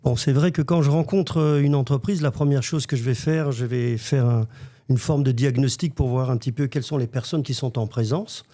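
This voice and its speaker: A man with a mellow, warm tone and an ordinary mid pitch. He is a leadership coach on a round-table business show, speaking in a calm, reflective manner. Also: a little fast. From Africa. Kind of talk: explanatory talk-show conversation.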